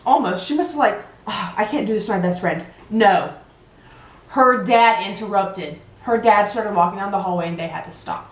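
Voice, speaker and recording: A young woman vlogger telling high school drama in a chatty, dramatic, sarcastic way while eating. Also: echoey room, poor audio. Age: young adult. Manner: chatty, dramatic, holds grudges, sarcastic asides. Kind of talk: casual storytime while eating. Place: car, then indoors at a table.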